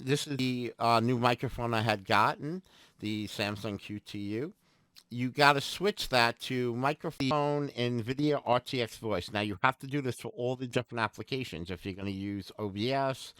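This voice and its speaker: Speaking straight to his viewers, the host of a tech and gaming channel walks through an informal tutorial demo and goes over his points more than once. He has a mid-range, fairly bright voice, recorded without echo.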